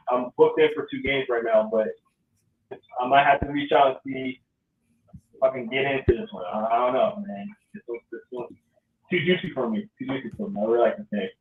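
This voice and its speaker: A man's voice: mid-range voice, a little hiss or hum. A man hosting casual sports talk, rambling with lots of ums. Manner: loose, rambling, many ums. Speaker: podcast host. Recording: echoey, distant, phone-like audio.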